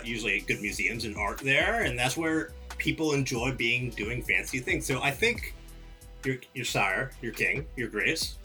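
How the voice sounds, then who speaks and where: A man co-hosting a podcast with halting, jokey improvised comedy talk. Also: medium pitch, pushed and bright. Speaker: podcast co-host. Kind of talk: improvised comedy monologue and banter.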